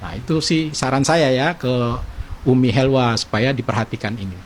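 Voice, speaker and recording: A man speaking as a legal counsel, giving a measured, formal and conciliatory statement. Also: mid-range voice. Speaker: lawyer. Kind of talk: press statement.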